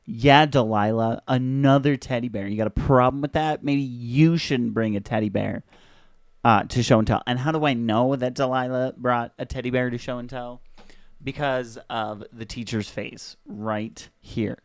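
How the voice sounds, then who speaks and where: A man's voice: medium pitch, steady tone, moderate pace, smooth, dry recording, studio quality. A young man hosting a video, casually and sarcastically commenting on an old commercial, chatty and joking. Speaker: video host.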